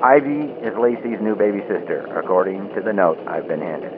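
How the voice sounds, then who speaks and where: A man plays an earnest Christmas elf reporting live in a lowish voice. His measured, explanatory delivery comes over a thin phone-like radio link with heavy noise. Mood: informative. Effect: radio link filter.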